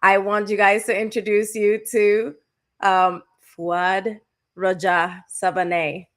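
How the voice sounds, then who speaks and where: A woman's voice: medium pitch, level tone, takes it slowly, a bit bright. A woman hosting an online interview show over a video call, upbeat and effusive with praise. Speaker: host and company founder.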